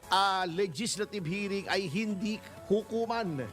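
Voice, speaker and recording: A man's voice: high-pitched, measured pace, fairly bright tone, faint music behind. A male lawyer as a guest in a casual interview, talking bluntly and mockingly and laughing as he speaks.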